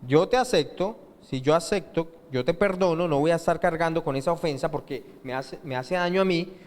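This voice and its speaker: In a church hall full of long reverb, a male pastor from Colombia delivers a sermon, posing rhetorical questions and leaving pauses for the congregation to fill in the answers. His voice sits a little high for a man.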